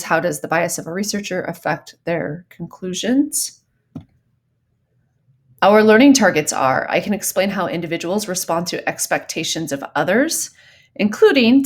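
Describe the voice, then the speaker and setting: A woman from Southern California giving recorded psychology lecture notes in a conversational way, with frequent ums and the odd y'all. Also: fairly low pitch. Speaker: psychology teacher.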